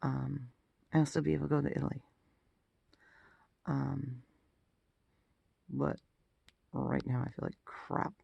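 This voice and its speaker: A man giving a casual personal health update, sounding exhausted and groggy, with a gravelly, croaky throat and a halting delivery that trails off. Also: medium pitch, level tone, darkish tone, dry recording, lo-fi sound. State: throat rough after intubation. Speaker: vlogger.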